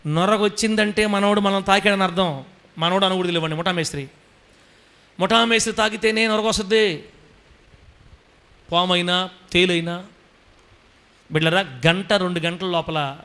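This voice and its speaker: High-voiced preacher. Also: male voice. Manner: storytelling, animated, rising to loud exhortation. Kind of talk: sermon testimony.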